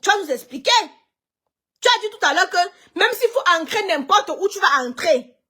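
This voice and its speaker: A woman, hosting a live stream and ranting in an animated, repetitive, confrontational way. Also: very high voice, moderate pace.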